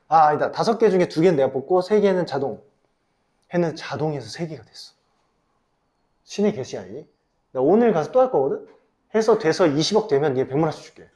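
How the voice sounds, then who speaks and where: Male classroom teacher, higher voice, very expressive pitch, playful and teasing storyteller. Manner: animated, teasing banter with students. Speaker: academy teacher. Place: classroom, indoors.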